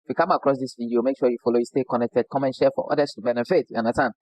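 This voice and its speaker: This Ghanaian barber races through a casual hands-on demonstration in Ghanaian English, checking in again and again with "you understand?" His mid-range voice is steady and a little mellow, on poor audio with no echo.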